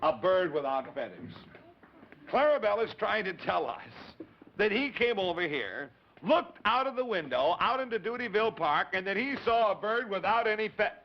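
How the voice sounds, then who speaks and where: A man playing an excitable, folksy host of a 1950s children's television show, speaking emphatically and repeating himself for the kids. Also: sits high, normal speed. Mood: insistent. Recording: muffled 1950s TV recording with music.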